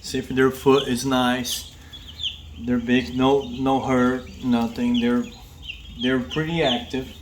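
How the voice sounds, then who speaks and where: A man's voice: mid-range voice, little pitch movement, slow pace, background noise. A man hosting a vlog, casually explaining step by step how to care for baby chicks beside a coop. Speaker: vlog host.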